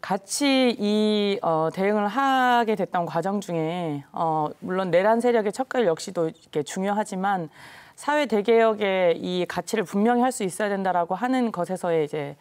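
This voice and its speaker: A woman with a Jeju accent, a party election co-chair, answering interview questions in a measured, formal way with many hesitant fillers. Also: medium pitch, a little mellow, clear, resonant tone. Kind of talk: current-affairs interview answers.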